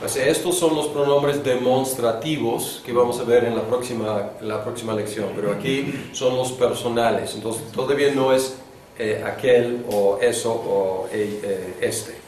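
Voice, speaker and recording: Man, Greek teacher, slow unhurried delivery, many fillers, very echoey classroom, distant mic. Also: medium pitch, darkish tone, slight background noise. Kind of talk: classroom lecture.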